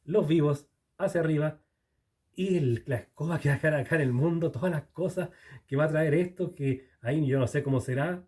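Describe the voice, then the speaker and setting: A man's voice: mid-range voice, dark tone. A man teaching a Bible passage verse by verse, chatting with the listeners, asking them questions and often correcting himself. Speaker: preacher.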